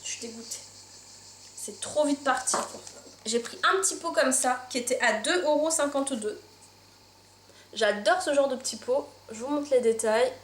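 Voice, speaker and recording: This is a high-voiced woman at normal speed, casually showing her haul and enthusing about her buys with lots of filler words. It was recorded at home in a large room with open windows, and insects can be faintly heard outside.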